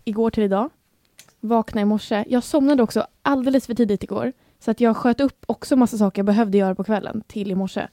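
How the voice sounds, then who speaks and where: A woman's voice: a little high, mellow, no echo, studio quality. A young woman, co-hosting a podcast and telling stories about herself in a candid, self-mocking way. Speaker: podcast co-host. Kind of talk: casual chat.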